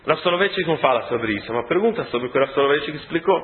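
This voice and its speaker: A man teaching a religious lesson as lively storytelling, acting out the scenes and often clearing his throat. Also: a little high, racing. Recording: tinny phone-like sound in an echoey hall.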